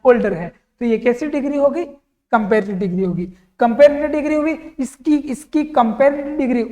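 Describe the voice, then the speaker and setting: In an exam-prep grammar class, the teacher, a man with a high, darkish voice, keeps questioning his students and answering for them. A long reverb rings behind him, as if he is in a hall.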